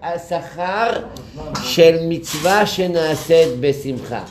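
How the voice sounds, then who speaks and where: A rabbi delivers a sermon at a memorial gathering, telling a story and building emphatically into rhetorical questions. His fairly high voice is expressive, and a crowd can be heard in the background.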